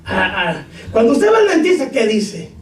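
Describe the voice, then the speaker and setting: Male preacher, jokes and hollers scripture, high voice, faint noise in back. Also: big pitch swings, moderate pace. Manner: shouts scripture, jokes with congregation. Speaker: pastor. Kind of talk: sermon. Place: church hall. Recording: echoey room, far from mic.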